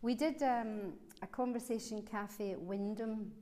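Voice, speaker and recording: A woman's voice: fairly high pitch, unhurried, warm tone. A woman with a broad Glaswegian Scottish accent gives an informal Dharma talk, telling stories in a conversational, wryly humorous way. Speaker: Buddhist teacher giving a talk. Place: large reverberant hall, speaking to a gathering. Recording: long hall reverb.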